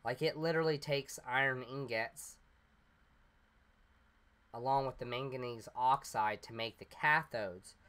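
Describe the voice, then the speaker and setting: In a smooth, bright, forceful mid-range voice, the let's play host takes his time, leaving long pauses as he comments on his game. Rambling, he explains each step with fillers, and a mild congestion lingers from a recent illness.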